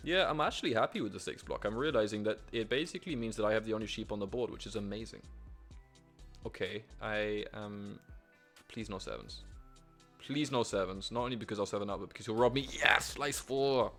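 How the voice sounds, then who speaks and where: A young man streaming himself playing a board game online, talking to himself with excitable, swearing commentary. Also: lowish voice, a little fast, soft background music. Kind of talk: live gameplay commentary.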